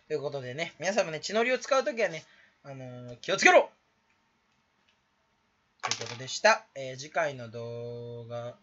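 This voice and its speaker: A man's voice: on the high side, bright, forceful tone. A man rambling jokingly to camera in a vlog, putting on a fake Kansai dialect, in a dull lo-fi recording. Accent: put-on Kansai dialect. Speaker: YouTuber. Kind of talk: casual solo vlog.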